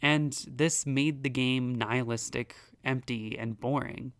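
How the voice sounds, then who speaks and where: A man's voice: medium pitch, steady tone, unhurried, a bit bright. A young man narrating a casual video essay, rambling with fillers and restarts. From United States.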